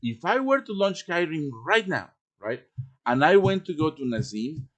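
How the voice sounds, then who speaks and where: On a live voice-chat stream, a man hosts an informal, improvised software tutorial, narrating his thinking step by step. His fairly high, fairly bright voice swings widely in pitch at a moderate pace.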